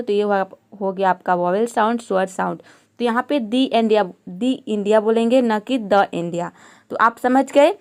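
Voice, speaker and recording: A woman's voice: fairly high pitch, a little mellow, smooth. A woman teaching English grammar step by step, patiently asking questions and answering them herself.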